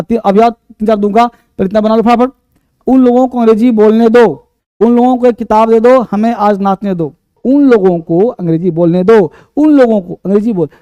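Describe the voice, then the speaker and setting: A man's voice: high-pitched, dark tone, clear, resonant tone, dry recording. A man teaching a spoken English lesson, repeating example sentences and checking in with his students often. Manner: slow, repetitive drilling with frequent "है ना" checks.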